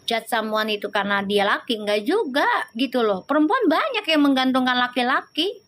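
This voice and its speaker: A woman's voice: sits high, animated, moderate pace, a bit bright. A woman reads tarot on a live stream. She chats casually and teases her viewers, answering their comments as they come in. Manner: chatty and teasing, answers viewers' comments, laughs often.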